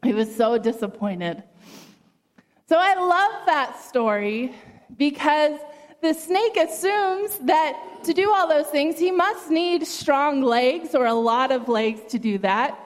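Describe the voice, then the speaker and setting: High, slow-talking woman telling a church story. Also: animated. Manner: gentle, warm storytelling with voiced characters. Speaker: children's message speaker at a worship service. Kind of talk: storytelling children's sermon. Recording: echoey hall.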